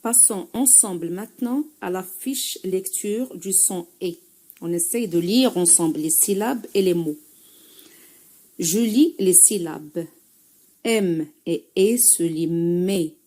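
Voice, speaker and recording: A woman teacher with a Moroccan accent giving a French reading lesson, spelling out sounds slowly and carefully, syllable by syllable. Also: medium pitch, warm tone. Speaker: primary school teacher.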